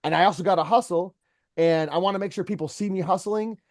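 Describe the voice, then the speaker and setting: A man's voice: sits high, fast talker, dry recording, clean studio sound. Earnest man coaching an employee. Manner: earnest, storytelling, mentoring. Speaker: company owner coaching an employee. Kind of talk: one-on-one coaching talk.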